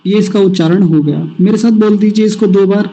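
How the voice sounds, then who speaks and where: A man teaching Sanskrit verse pronunciation in an online class, slowly drilling each syllable and having students repeat after him. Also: sits high, mellow, lo-fi sound, faint music behind. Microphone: video call.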